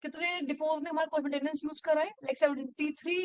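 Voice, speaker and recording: A woman running a software training session, explaining step by step with frequent fillers. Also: high voice, fairly even intonation, quick pace. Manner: mixes Hindi and English, explanatory, frequent fillers. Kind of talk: screen-share training walkthrough.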